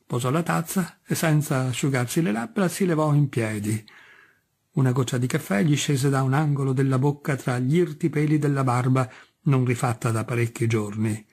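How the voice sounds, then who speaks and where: A man reading a literary short story aloud as an audiobook narrator, in a measured, clear storytelling manner. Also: medium pitch, darkish tone. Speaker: audiobook reader.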